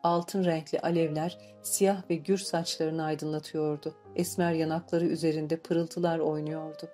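A woman reading an audiobook in measured, steady narration. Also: low-pitched. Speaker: audiobook reader. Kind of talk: scripted narration. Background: faint background music.

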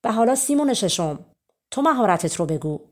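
A woman's voice: mid-range voice, big pitch swings, a little mellow. A woman voicing a stern, commanding male king in a storybook reading. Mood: gracious.

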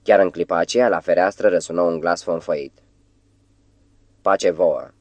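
A man narrating an audiobook in a measured, even storytelling manner. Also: sits low, no room sound. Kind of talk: scripted narration.

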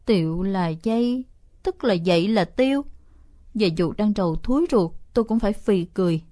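Woman reading a storybook aloud, steady, expressive, dead dry mic. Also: mid-range voice, fairly quick, dry recording. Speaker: audiobook narrator. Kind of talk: first-person storybook narration.

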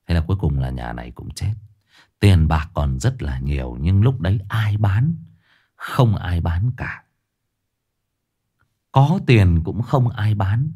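A man with a fairly low voice tells a harrowing story straight to his listeners. His pitch leaps high for emphasis, then sinks low and somber, in loose, chatty speech full of restarts. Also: slow, pauses often, breathy edge. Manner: animated, swings from high emphatic bursts to low somber drops; addresses listeners directly, casual with restarts.

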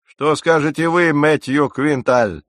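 A man voicing a furious, domineering ship captain who shouts and rages at his crew. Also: on the high side, slow pace, dry recording, clean studio sound, pitched above the performer's own voice. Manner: shouting, raging, commanding.

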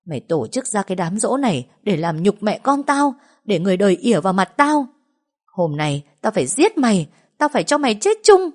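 A woman's voice: medium pitch, very animated, brisk, voice pushed up. A woman voicing a furious, tearful young pregnant woman who shrieks hateful curses in an audio story. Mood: hateful shrieking.

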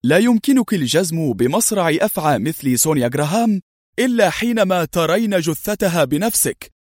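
A man voicing a cool-headed male secret agent who speaks calmly and tersely. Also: on the high side, fairly quick, no echo, studio quality. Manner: calm and terse.

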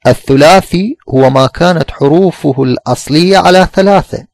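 A man teaching a formal lesson, reading a text and then explaining it in a measured way, slowing down on examples. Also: on the high side, creaky, a little mellow, no echo. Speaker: teacher of Arabic morphology.

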